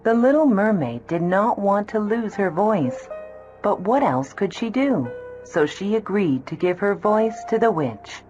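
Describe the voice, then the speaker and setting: A woman narrating a children's storybook in a slow, gentle, clear reading. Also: mid-range voice, lively intonation. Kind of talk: scripted storybook narration for kids. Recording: dull lo-fi with soft music.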